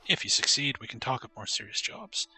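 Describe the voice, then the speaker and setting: A sneering raider boss who brushes off newcomers, as a streamer reads him out. The voice is very bright and pushed louder than plain talk. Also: male voice, medium pitch, a little fast, husky, full character voice. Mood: gruff. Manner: sneering, dismissive. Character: scornful male raider boss.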